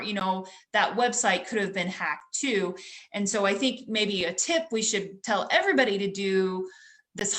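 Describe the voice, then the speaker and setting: Female expert guest, medium pitch, practical and explanatory delivery. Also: fairly bright tone. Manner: practical, advice-giving, many fillers. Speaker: cyber security expert guest. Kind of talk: explanatory interview talk.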